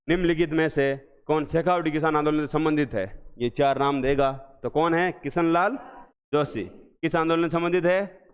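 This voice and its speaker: A man teaching an exam revision class, asking questions again and again and answering them slowly and with emphasis. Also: a little high, smooth. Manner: drills students with repeated questions, slow emphatic answers. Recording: echoey hall, dull lo-fi sound.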